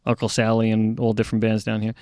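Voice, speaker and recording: A man's voice: fairly low pitch, monotone, fast talker, a little mellow, no room sound, clean studio sound. A man with a New York accent co-hosting a talk radio show, upbeat and agreeable, reading out a call-in number. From upstate New York. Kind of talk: casual radio chat.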